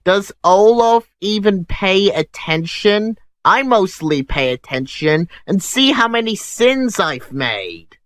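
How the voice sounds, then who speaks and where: Slow, snarky male clip commentator. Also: sits high, lively intonation, fairly bright tone. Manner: snarky, mocking, unhurried. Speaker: host. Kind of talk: sarcastic commentary over clips.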